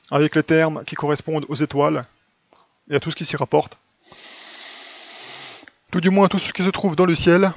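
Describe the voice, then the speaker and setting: Here the teacher's voice sits fairly high as he gives a casual, instructive explanation for a religious video, peppering it with "hein" and "quoi." The close recording is free of room sound but slightly dull and lo-fi.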